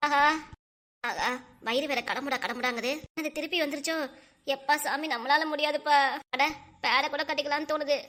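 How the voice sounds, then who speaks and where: Woman doing a whiny sick cartoon mom, high voice, groaning the whole time. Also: a bit bright. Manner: whiny, moaning, groaning with stomach pain. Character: ailing middle-aged village mother, complaining. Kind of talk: cartoon voice acting.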